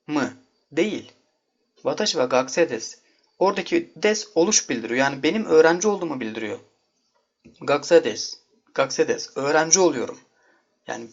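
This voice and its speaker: A man's voice: fairly high pitch, gravelly. A man teaching an online video lesson, patiently explaining and addressing viewers as friends. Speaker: language teacher. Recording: dull lo-fi audio.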